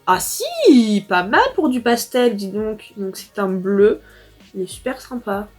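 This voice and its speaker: Teen girl from france rambling thru a makeup review, lots of ums, soft music behind. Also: medium pitch, sing-song, a little slow. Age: teens. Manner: chatty, rambling with fillers and restarts. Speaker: beauty vlogger.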